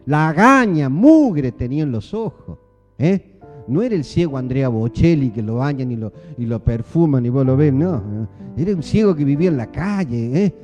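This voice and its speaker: The sermon comes from a pastor with an Argentine Spanish accent whose voice is on the high side, animated and full of rhetorical questions aimed at his congregation. The church recording has a lo-fi sound.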